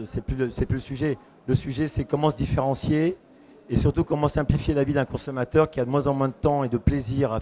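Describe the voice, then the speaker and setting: A man with a hoarse voice, a consultant speaking on a panel and explaining with many fillers. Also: mid-range voice, mellow. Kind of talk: panel discussion.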